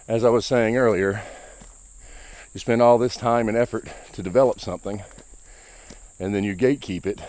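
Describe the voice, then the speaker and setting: Low-voiced, out-of-breath vlogging man. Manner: rambling, opinionated. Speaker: gaming vlogger. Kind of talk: casual vlog monologue while walking. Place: outdoors on a walk, rural.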